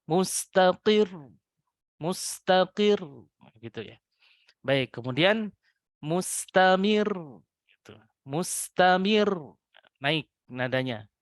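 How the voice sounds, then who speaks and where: A man teaching Quran recitation rules to adult students, patiently repeating example words slowly with a lifted voice and addressing his listeners politely. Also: mid-range voice, a bit bright, no room sound, clean studio sound. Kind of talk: tajwid lesson to adult students.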